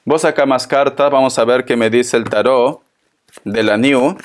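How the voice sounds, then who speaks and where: A man's voice: mid-range voice, a little hiss or hum. A man giving a spoken tarot reading, talking to the listener in a consoling, tender way and repeating his phrases. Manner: slow, repetitive, consoling, addresses the listener tenderly. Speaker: tarot reader.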